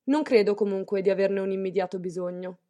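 A woman's voice: medium pitch, steady tone, fast talker, warm tone, close to an everyday voice. A woman reading an audiobook, voicing a stern, wealthy middle-aged mistress who speaks curtly and severely. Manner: curt, severe, clipped.

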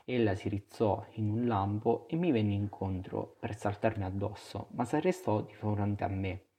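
A man reads a literary novel aloud in the first person, measured and expressive. His voice sits low and has a husky, breathy grain. The tone is dark and mellow. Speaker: narrator. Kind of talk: audiobook reading of a literary novel.

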